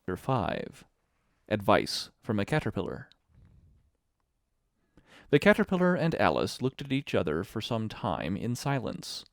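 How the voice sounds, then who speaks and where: A man reading a classic story aloud as an audiobook narrator, with expressive storytelling. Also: fairly low pitch, measured pace, gravelly, long pauses, dry recording, clean studio sound. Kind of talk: scripted narration.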